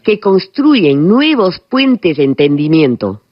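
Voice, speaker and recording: An interpreter giving a live rendering of a formal political speech, halting phrase by phrase and correcting slips along the way. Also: mid-range voice, very animated. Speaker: simultaneous interpreter. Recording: dull, lo-fi broadcast audio.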